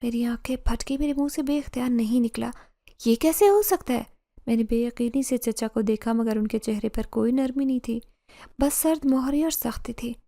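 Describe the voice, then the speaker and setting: A woman narrates a first-person horror story with emotional, dramatic delivery. Her voice is mellow and warm, pitched a little high. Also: steady tone, gravelly.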